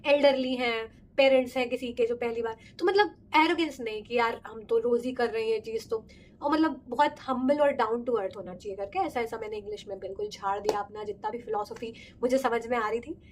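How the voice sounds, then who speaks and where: A young woman from India telling a story in a casual vlog, chatty and expressive, slipping English phrases in, her throat sore. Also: a little high, a little fast, a little hiss or hum. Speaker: vlogger.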